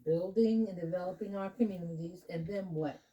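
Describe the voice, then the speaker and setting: A woman leading children in a home lesson, coaching them patiently with slow, drawn-out explanations. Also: on the low side, mellow, distant mic, highs cut off. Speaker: adult leading children in a candle lighting. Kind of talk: home teaching talk. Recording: voice from away from the mic.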